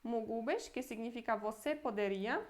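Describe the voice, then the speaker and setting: A young woman with a Brazilian Portuguese accent, a language teacher who patiently explains Polish phrases and slows down to repeat them. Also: a little high.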